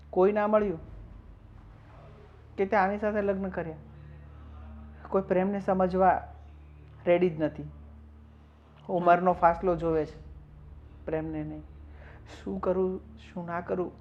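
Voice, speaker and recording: A young man acting as a husband who defends his marriage to an older woman, talking earnestly. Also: high voice. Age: young adult. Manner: earnest, pleading, rising to defiant outbursts. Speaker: young husband in a family drama. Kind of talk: Gujarati short-film acting. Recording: dull lo-fi sound with faint noise.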